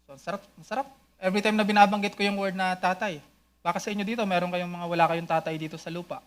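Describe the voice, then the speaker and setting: A man's voice: sits high, flat delivery, fast talker, clear, resonant tone. A male pastor preaching, switching between Filipino and English, often raising his voice for emphasis. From Philippines. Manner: mixes English into sermon, rising to loud calls. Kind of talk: sermon. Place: church.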